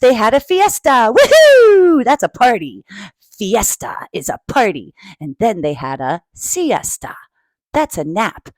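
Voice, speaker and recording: A woman reading a picture book aloud to children in a playful, animated way, often asking her listeners questions. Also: medium pitch, no room sound, clean studio sound.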